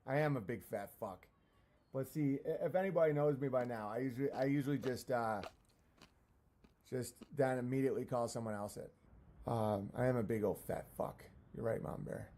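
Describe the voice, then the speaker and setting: A man on a casual livestream, rambling and halting as he answers comments with profane, self-deprecating talk. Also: mid-range voice, expressive, darkish tone. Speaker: live streamer.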